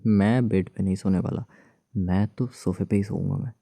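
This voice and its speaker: A man voicing a young husband married to his ex, gruff but tender, in a hushed, soothing, teasing whispered role-play. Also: low-pitched, steady tone, moderate pace, dry recording.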